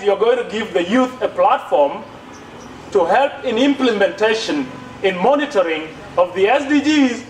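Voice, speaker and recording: A young man born in South Sudan and raised in Kenya, speaking with an East African accent, gives an impassioned advocacy speech as a youth speaker at a conference plenary, emphatically repeating phrases and asking rhetorical questions. His voice sits high. He stands at a podium on an outdoor stage under trees, and the thin gooseneck mic sounds distant and echoey, with background noise.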